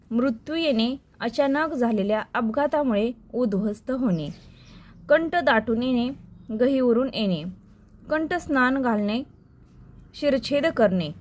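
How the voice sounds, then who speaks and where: For exam prep, a female teacher dictates idioms one by one along with what they mean, speaking slowly at a fairly high pitch.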